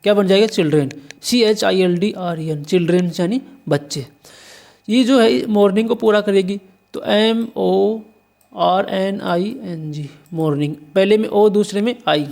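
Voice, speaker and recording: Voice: medium pitch, unhurried, gravelly, darkish tone. A teacher from India walking through an exam paper, spelling words letter by letter and answering their own questions. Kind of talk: exam paper walkthrough lesson.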